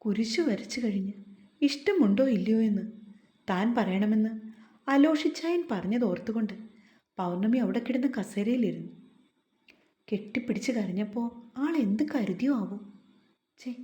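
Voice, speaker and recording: A woman reading a romance novel aloud in a calm, unhurried, soft voice. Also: mid-range voice. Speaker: storyteller. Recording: echoey, slightly muffled home recording.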